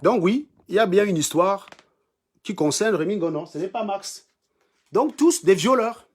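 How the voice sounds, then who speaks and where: A man's voice: sits high, moderate pace, darkish tone, husky. Combative man ranting on a livestream. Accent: Cameroonian French. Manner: mocking, combative, repeats lines for emphasis. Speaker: livestream host. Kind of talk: insulting live-stream rant.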